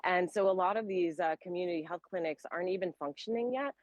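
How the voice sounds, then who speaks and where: A woman answers news questions as an aid worker. Her voice sits low and is recorded with very little room sound. She explains things off the cuff, pausing and restarting as she finds the wording. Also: dry recording, highs cut off. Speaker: humanitarian relief worker giving an interview. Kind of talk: spontaneous news interview answers.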